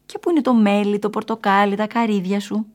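A woman's voice: mid-range voice, fairly even intonation, darkish tone, lightly acted. A woman voicing a thoughtful, amused male pastry chef who teases, in a storybook reading. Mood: teasing. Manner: teasing, amused.

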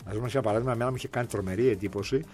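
A man's voice: medium pitch, a little mellow. A middle-aged man co-hosting a sports talk show in a loose, repetitive, chatty way. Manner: chatty, repeats himself, lots of affirming yeses.

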